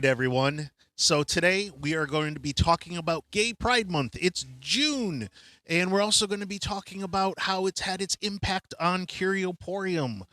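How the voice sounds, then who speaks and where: A man's voice: fairly high pitch, bright, forceful tone, dry recording. A man in his fifties hosting a podcast from a shop studio, telling a personal story in a candid, reflective way with many ums and uhs. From Hartford, USA. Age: 50s. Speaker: podcast host.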